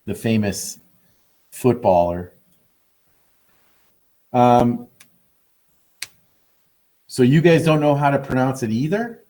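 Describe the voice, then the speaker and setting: Man, biology teacher, slow unhurried talk, teasing, sarcastic, video call class. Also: medium pitch, warm tone. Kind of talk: online class lecture.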